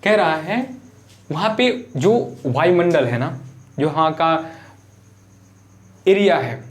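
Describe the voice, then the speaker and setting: A man with a fairly high voice explains a classic poem to exam students. He works through it phrase by phrase, repeating himself as he gives the meanings of words. He often asks the class a question and then answers it himself. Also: expressive, takes it slowly. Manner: repeats phrases while glossing word meanings. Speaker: teacher.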